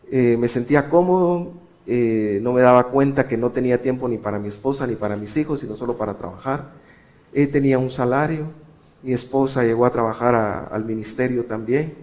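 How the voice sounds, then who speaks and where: A middle-aged man preaching a sermon, telling a personal story with sudden swings between loud emphasis and hushed passages. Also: mid-range voice. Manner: animated, shifting sharply between loud emphasis and quiet. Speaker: pastor.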